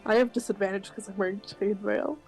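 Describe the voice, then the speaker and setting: A raspy-voiced woman chatting casually as a player at a tabletop game. Her pitch sits mid-range, with faint music in the background. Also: fairly even intonation, fairly quick, a little mellow, rough recording.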